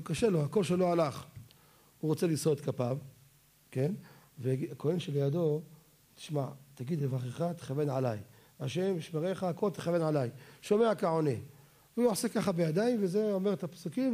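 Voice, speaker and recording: In a Torah lecture on religious law, a man with a warm, mellow voice, pitched a bit high for a man, keeps questioning his listeners and then answering the questions on his own.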